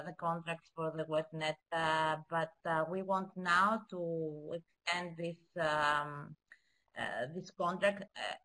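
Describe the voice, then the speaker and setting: A woman speaking haltingly over a poor video-call connection, presenting her project in a webinar. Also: fairly low pitch, sharp tone. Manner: hesitant, halting, many fillers.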